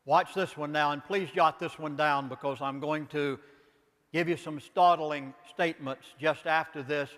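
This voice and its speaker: A man's voice: fairly high pitch, fairly even intonation, normal speed, fairly bright tone, in a large hall. An older man with a Southern accent, a pastor giving an impassioned lecture, emphatic and pleading, asking rhetorical questions.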